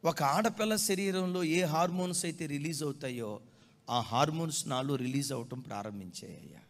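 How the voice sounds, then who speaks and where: Male preacher with a raised, gravelly voice, storytelling sermon in a reverberant hall, dropping quiet then building loud. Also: fairly high pitch, moderate pace. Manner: swings from hushed to loud and emotional. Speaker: pastor.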